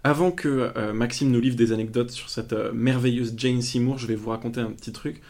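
A man's voice: medium pitch, fairly even intonation, a little fast, darkish tone. A man co-hosting a casual film podcast, telling anecdotes with a joking manner and many fillers. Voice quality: storytelling manner with frequent fillers and jokes. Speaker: podcast co-host.

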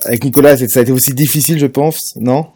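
A man's voice: mid-range voice, steady tone, rapid-fire, dark tone, slightly rough. A man hosting a casual sports podcast, hesitant with many fillers and restarts. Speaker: podcast host.

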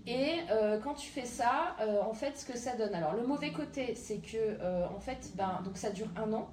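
Her voice is slightly high and a bit mellow, delivered at normal speed over slight background noise. She is an entrepreneur in her thirties from southern France, appearing as a guest in a relaxed interview about her career and hesitating often with fillers. The recording sounds roomy, with a distant microphone and faint ambient sound.

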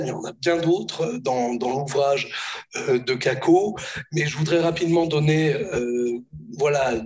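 Male conference speaker, gravelly and hoarse with a cracked voice, pitched a little high, halting delivery. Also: a little hiss or hum. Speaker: institute director introducing speakers. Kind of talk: public conference introduction.

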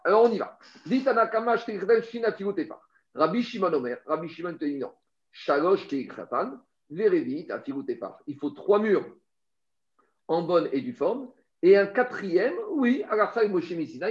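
A man's voice: high voice, a little mellow. A man teaching a Talmud study lesson, explaining step by step and speaking straight to the listener, often repeating words as he finds his phrasing. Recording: roomy, dull lo-fi sound.

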